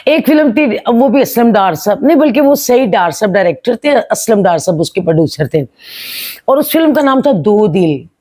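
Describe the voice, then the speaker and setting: An older woman reminisces to camera in a lively, storytelling way, slipping into imitations of others. Her voice is mellow and warm, recorded close and dry with no room sound. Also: medium pitch, normal speed, no room sound. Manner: lively storyteller who mimics other people. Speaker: film actress.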